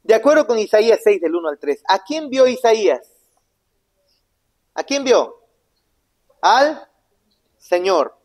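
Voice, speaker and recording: A man preaches to his congregation in a voice set a little high for a man. He builds to loud, emphatic questions, then drops to hushed, low asides, and often answers his own questions. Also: big pitch swings, takes it slowly, long pauses. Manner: asks the congregation questions and answers them himself. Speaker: pastor. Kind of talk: sermon Bible teaching.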